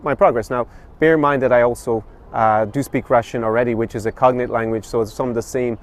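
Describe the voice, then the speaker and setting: On a city street beside a statue, a travel and language vlogger in his thirties speaks to camera, giving a casual review packed with fillers and restarts. He talks fast in a steady, mid-range voice.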